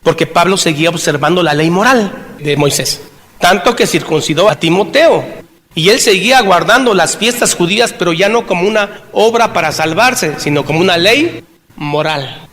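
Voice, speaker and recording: Man, Mexican Spanish accent, preacher, animated sermon, high voice, long echo. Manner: animated, rhetorical questions to listeners. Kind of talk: expository Bible sermon. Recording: long hall reverb.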